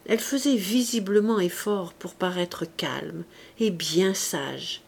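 A woman reading a classic novel aloud as an audiobook, in a calm, careful way. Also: fairly low pitch, slow, gravelly, slightly rough. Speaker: audiobook reader. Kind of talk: literary audiobook narration.

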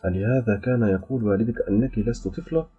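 An earnest young man, lovestruck and full of eager questions, as the narrator voices him. The voice is low and husky. The sound is dull and lo-fi, with faint background music. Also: fast talker.

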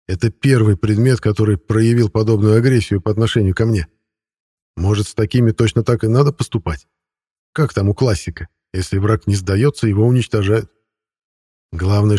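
A man's voice: fairly low pitch, warm tone, breathy edge, no room sound, clean studio sound. A man narrating a first-person audiobook in a wry, conversational storytelling manner.

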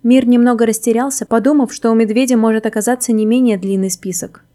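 A woman narrating a whimsical storybook in an even, wry reading manner. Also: a little high, fast. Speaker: audiobook narrator.

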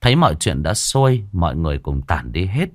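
A man's voice: low-pitched, big pitch swings, fairly quick, no room sound, studio quality. A man narrating a ghost story dramatically.

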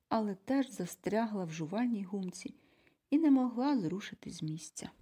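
A woman narrating an audiobook of a children's novel in an expressive storytelling manner. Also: medium pitch.

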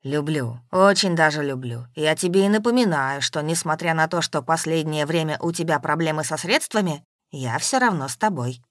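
A woman's voice: low-pitched, lively intonation, normal speed, few pauses, dry recording, studio quality, pitched below the performer's own voice. A woman voicing a pompous, syrupy-voiced man in an audiobook. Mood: scornful. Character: pompous smooth-talking middle-aged man.

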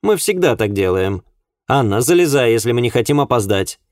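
A man reading aloud and voicing a haughty, curt middle-aged Victorian lady who gives sharp, indignant replies. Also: mid-range voice, sing-song, brisk, dry recording, studio quality, voice pushed up, lightly acted.

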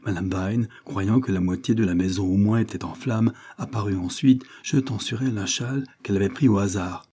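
A man narrates a classic novel for an audiobook, reading in a measured, even manner. His voice sits low and warm, with a faint husky edge. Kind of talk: scripted narration.

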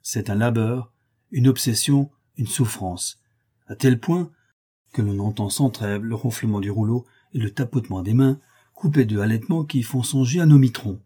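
Male audiobook narrator, measured reading, dark husky tone. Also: medium pitch.

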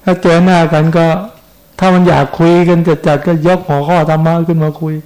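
Middle-aged monk giving a chatty sermon, kinda high voice but mellow, keeps asking the crowd stuff. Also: male voice, fairly even intonation, fairly quick, low-quality recording. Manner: conversational, asks listeners questions. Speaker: Buddhist monk giving a dharma talk.

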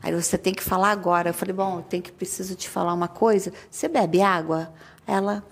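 A woman recounts a story to a small group in a relaxed, chatty way. Her voice sits low with a gravelly fry, and she often stops and restarts her sentences. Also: fast talker. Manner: chatty, hesitant, many restarts. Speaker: medium sharing an experience.

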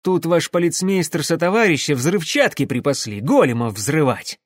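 Brief: male reader as a hysterical wounded engineer, frantic shouting, raised pitch. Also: big pitch swings, moderate pace, no echo, clean studio sound.

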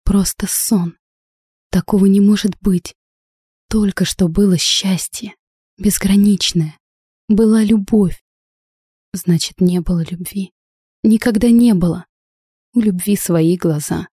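Woman reader doing a desperate teen bride, tearful, mellow and dry. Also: medium pitch, fairly even intonation, slow, pauses often, husky, no room sound. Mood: despairing. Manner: pleading, tearful.

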